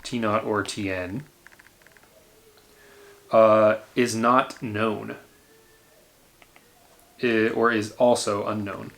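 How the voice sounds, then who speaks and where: A man with a lowish, gravelly voice teaches a university engineering class. He explains step by step, pausing on ums and restarting phrases as he thinks aloud. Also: steady tone, fairly bright tone. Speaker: engineering lecturer. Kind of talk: university lecture.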